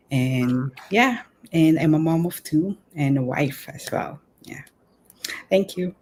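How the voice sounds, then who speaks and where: A woman's voice: low voice, darkish tone, a little hiss or hum. A woman from the Philippines introducing herself politely and briefly on a live show. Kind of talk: casual self-introduction.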